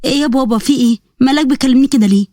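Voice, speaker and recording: A woman's voice: high voice, racing, warm tone, no echo, studio quality, lightly acted. A woman voicing a young fiancée pleading with her father, in an Egyptian accent. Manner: pleading, hurt. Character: young woman, torn between love and father.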